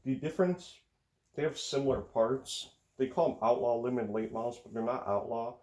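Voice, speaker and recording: A teenage American racing vlogger with an Upper Midwest accent rambles casually, hesitant and full of fillers and sighs. His mid-range voice is darkish in tone and moves at a moderate pace.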